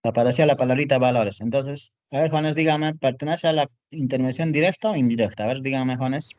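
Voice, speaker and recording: Speaking fast with a darkish, medium-pitched voice, a man teaches an online class and types on screen while he explains. He repeatedly uses "jóvenes" and "¿no es cierto?" to check that students follow. The sound is dull and dry.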